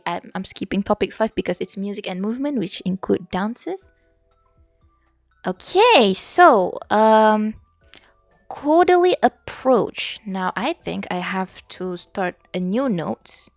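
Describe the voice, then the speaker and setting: A young Malaysian woman with a medium-pitched, gravelly voice chats casually with viewers during a study stream, mixing English and Malay and reading their messages aloud. There is no echo.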